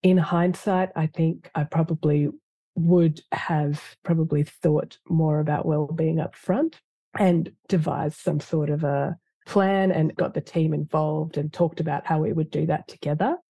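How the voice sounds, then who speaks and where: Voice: mid-range voice, steady tone, measured pace, mellow, no room sound. A government lawyer, a guest in an interview, answering in a reflective and earnest way with frequent fillers.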